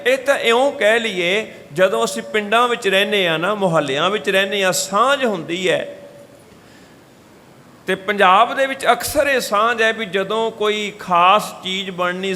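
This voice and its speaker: In a gurdwara hall with a long reverb tail, a high-voiced, bright male katha preacher expounds Sikh scripture, singing verses along the way. He speaks at normal speed in a storytelling manner, shifting his voice for quoted speakers.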